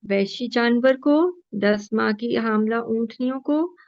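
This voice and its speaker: Gravelly woman reading quiz questions, lo-fi. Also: on the high side, no room sound. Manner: hesitant, with fillers. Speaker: quiz reviewer.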